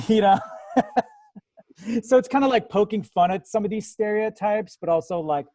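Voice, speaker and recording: A man's voice: sits high, animated, normal speed, warm tone, no room sound. A man who grew up in the United States, talking as an artist being interviewed in a casual, rambling way with many fillers and restarts. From born in Iran, grew up in America.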